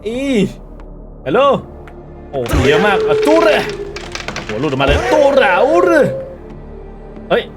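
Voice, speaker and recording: A man's voice: a little high, huge pitch swings, slow, long pauses. A man giving casual let's-play commentary, joking, swearing and reading the game text aloud. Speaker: gaming streamer. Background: game music.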